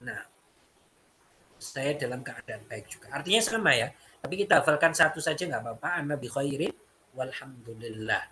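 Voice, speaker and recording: Bright high-voiced male teacher. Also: slight background noise. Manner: explains step by step, repeats phrases. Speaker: Arabic teacher. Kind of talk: classroom lesson.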